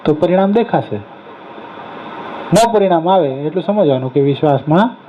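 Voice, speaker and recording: A man's voice: a little high, lively intonation, moderate pace, a little hiss or hum. A man giving a sermon to an assembly, telling stories with quoted dialogue and questioning his listeners directly. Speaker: religious discourse speaker. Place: assembly hall. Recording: dull lo-fi sound.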